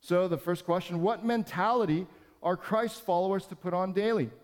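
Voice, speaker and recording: A man's voice: high-pitched, moderate pace, long reverb tail. A man preaching a sermon as pastor, earnest and conversational, with light self-deprecating humor.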